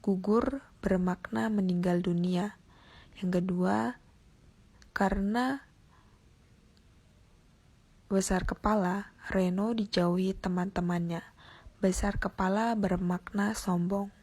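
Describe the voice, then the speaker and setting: A young woman reads her class presentation aloud from notes, keeping a steady pace and sometimes restarting a word. Her voice is husky and breathy, with a gravelly creak at the ends of phrases. She sounds like a university student presenting coursework. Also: mid-range voice, slow pace, pauses often. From Indonesia. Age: young adult.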